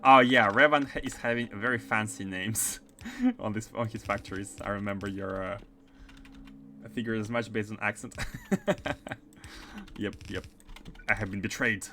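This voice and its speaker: At a normal speed broken by long pauses, a game streamer with a voice on the low side talks casually while playing. His accent mixes Russian and French, and his chatty commentary is loaded with fillers and sudden bursts of excitement.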